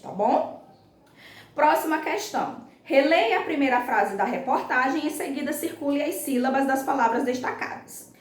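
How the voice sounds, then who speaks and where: A woman teaching a class of young schoolchildren, patient and slow, spelling words out clearly and checking in with the pupils. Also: high-pitched, roomy sound. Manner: patient, slow and clear, ends phrases with "tá bom?". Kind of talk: recorded remote class lesson.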